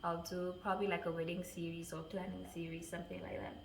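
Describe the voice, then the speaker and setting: A woman's voice: fairly low pitch, flat delivery, quick pace, creaky. Woman, 20s, giggly, casual vlog Q&A, echoey room, faint background noise. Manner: giggly, stumbles over names. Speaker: vlogger answering viewer questions. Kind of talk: casual Q&A chat.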